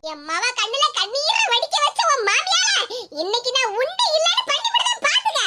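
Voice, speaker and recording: A loud, protective cartoon mother, voiced by an actor, pitched very high. She shouts and laughs as she talks. Noise runs under the voice. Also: sing-song, a little fast. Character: loud doting mother, fierce.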